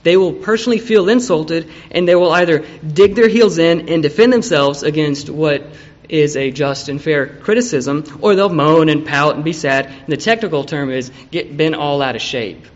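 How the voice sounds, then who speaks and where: Preacher, male, fairly high voice, chatty delivery with acted-out quotes, dull lo-fi recording. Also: normal speed. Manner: conversational, acts out quoted people. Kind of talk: evening sermon.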